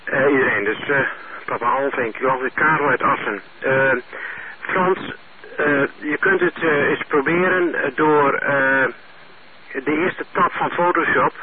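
Over a narrow, tinny two-way radio with faint hiss, a man runs an amateur radio net, reading out call signs and filling his speech with hesitant fillers. He speaks at a measured pace in a medium-pitched voice.

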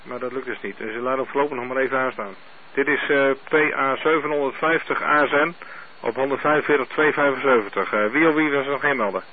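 A man running an amateur radio net, heard over a two-way radio link, speaking in a steady, methodical way and spelling out call signs. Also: medium pitch, quick pace. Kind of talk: radio net check-ins. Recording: narrow tinny radio with faint hiss.

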